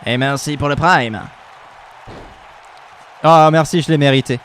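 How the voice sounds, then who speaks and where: High-voiced joking man commentator. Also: a little slow, a bit bright, some chatter behind, a little hiss or hum. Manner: jokey, teasing, laughs often. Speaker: co-host of a live stream. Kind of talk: playful live commentary.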